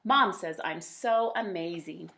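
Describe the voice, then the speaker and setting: In a heavily acted, pushed and bright performance, a woman voices a storybook's imaginative little boy bragging emphatically about his dress-up adventures. Her voice is fairly low and creaky, and she speaks slowly, sounding boastful and excited.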